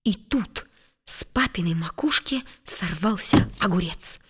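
A woman narrating a children's audiobook in a playful way, with hushed asides. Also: on the low side, expressive, a little slow, husky. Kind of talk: expressive children's story reading. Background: music.

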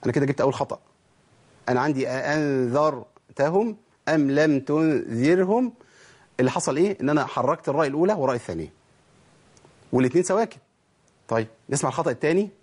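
A man's voice: mid-range voice, very fast, pauses often, breathy edge. A man with an Egyptian accent teaching Quran recitation rules, who poses questions to himself and then answers them. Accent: Egyptian Arabic. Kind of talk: spoken tajweed lesson.

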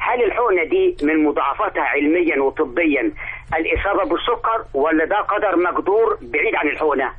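Fast Egyptian man calling over a phone line. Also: on the high side, expressive, husky. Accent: Egyptian Arabic. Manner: formal, courteous. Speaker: caller. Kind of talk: call-in question on air. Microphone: telephone.

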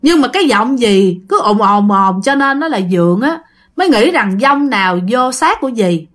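A woman's voice: a little high, lively intonation, normal speed. A woman telling a ghost story in a conversational way, speaking directly to her listeners.

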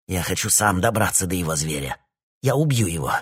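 A man reading an audiobook, voicing a crazed, vengeful older male colonel who hisses and bursts into shouts. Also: sits low, sing-song, brisk, slightly rough, full character voice. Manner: hissing, then bursting into shouts.

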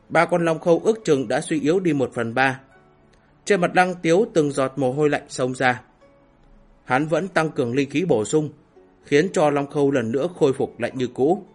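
A man narrating a fantasy novel in a steady, dramatic storytelling manner. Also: a little high. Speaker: audiobook narrator.

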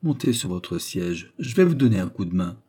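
A man reading the part of a gruff, grumbling old male professor who is a confirmed bachelor, in an audiobook. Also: deep voice, big pitch swings, moderate pace, mellow, exaggerated voice. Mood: scolding.

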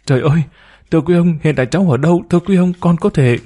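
A man's voice: on the high side, fast talker, warm tone, voice pushed up, natural voice. A man voicing a timid, humble woman of about forty who speaks deferentially, hesitant and pleading.

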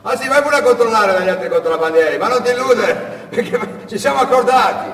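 A man's voice: very high-pitched, animated, brisk, a bit bright, voice pushed up. A man voicing a fat, scheming male smuggler who taunts and laughs, in a live storytelling performance. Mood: mocking. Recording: echoey hall from far off.

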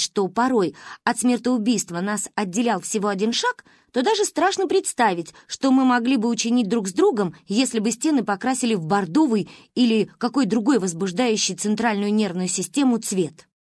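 Lively, slightly husky woman storyteller. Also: a little high, moderate pace, dry recording, studio quality. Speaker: audiobook narrator. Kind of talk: expressive storybook narration.

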